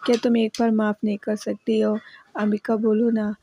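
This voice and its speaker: Pleading young bride, read by a woman, repetitive and begging, mellow tone. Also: mid-range voice, completely flat delivery, normal speed, no echo, close to an everyday voice. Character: tearful young bride begging forgiveness from her friend.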